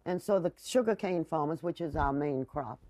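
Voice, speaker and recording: A woman's voice: sits low, moderate pace, a little mellow, dry recording. A woman, chatting emphatically as a guest and telling stories. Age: 60s. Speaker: talk show guest. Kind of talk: conversational local-history storytelling. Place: TV studio kitchen set.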